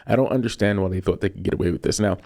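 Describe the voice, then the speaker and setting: A man's voice: sits low, very fast, dark tone. A man in his thirties hosting an opinion show, ranting emphatically and repeating himself for effect. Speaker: commentary host. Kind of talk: casual opinion rant.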